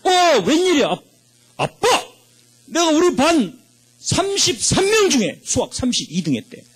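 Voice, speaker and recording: A man's voice: high-pitched, sing-song, normal speed, slightly rough, pitched above the performer's own voice, heavily acted. A man voicing his carefree teenage son, eager and naively boastful, in a sermon story. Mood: cheerful eager. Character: cheerful carefree teenage boy, the pastor's son.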